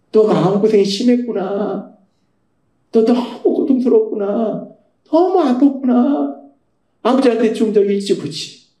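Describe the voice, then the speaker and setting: A preacher acting out a tender father who murmurs comfort to his exhausted son. The voice is soft and mellow. It carries in an echoey church hall. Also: sits high. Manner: soft, consoling.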